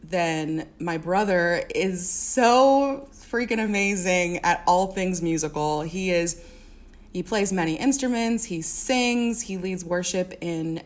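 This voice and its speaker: Woman, from the Midwest, podcast guest, casual storytelling, fillers and restarts, slightly low voice. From American Midwest. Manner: chatty, many fillers and restarts. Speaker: podcast guest, worship singer and music therapist. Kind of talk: casual interview.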